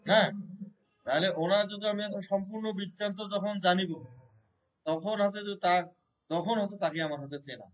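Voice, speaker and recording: A man's voice: high voice, a little fast, long pauses, lo-fi sound. A man teaching a devotional scripture class in a temple, explaining point by point and often checking with his listeners. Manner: explains by questioning listeners, repeats and restarts. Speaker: Gita teacher. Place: Shiva temple gathering.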